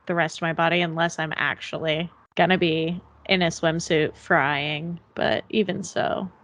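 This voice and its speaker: A woman co-hosting a casual podcast, talking in a relaxed, wry way. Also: sits low, a little slow. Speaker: podcast co-host.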